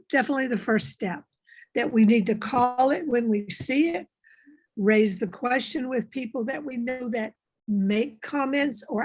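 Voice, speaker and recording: An older woman speaking in a measured, earnest way, with pauses, as a participant in a group discussion on a video call. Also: a little high, vocal fry, husky.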